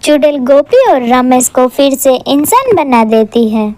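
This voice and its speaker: A woman narrates a cartoon horror tale with lively, scripted storytelling. Her high voice swings widely up and down, recorded close and dry. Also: unhurried, no room sound.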